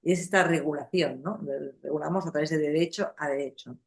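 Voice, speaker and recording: A middle-aged woman leads a psychotherapy class. Her voice sits a little low, and she talks in a loose, conversational way, restarting sentences and checking in with her listeners. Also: brisk, creaky. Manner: conversational, many fillers and restarts, acts out examples. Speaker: psychotherapy teacher. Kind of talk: lecture to a class.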